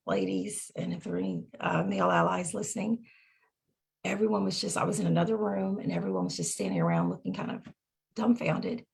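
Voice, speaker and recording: A woman in her forties tells a personal story to an audience. Her voice is strongly gravelly and very husky. She sits in the middle of the female range, and she talks in an earnest, halting way with frequent ums and uhs. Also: medium pitch. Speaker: state representative and attorney. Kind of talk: personal story at a panel talk.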